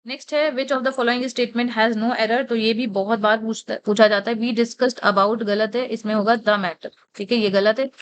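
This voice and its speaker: A young woman with an Indian English accent, explaining exam answers step by step and reading the English questions out slowly. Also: on the high side, steady tone, clear, resonant tone. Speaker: teacher. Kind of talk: exam answer walkthrough lecture.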